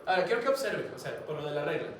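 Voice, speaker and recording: Guy teaching a class, kinda high voice, far from the mic in a really echoey room. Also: big pitch swings, rapid-fire, a little hiss or hum. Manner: conversational, keeps asking students questions. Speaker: lecturer. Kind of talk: classroom lecture.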